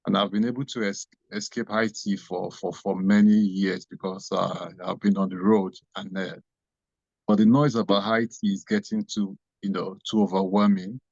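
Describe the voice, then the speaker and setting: Gravelly low man, rambling on a video call. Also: little pitch movement, normal speed, a little mellow, no echo. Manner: rambling, hesitant, many fillers. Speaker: webinar attendee. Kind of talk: casual self-introduction. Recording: dry, dull video-call audio.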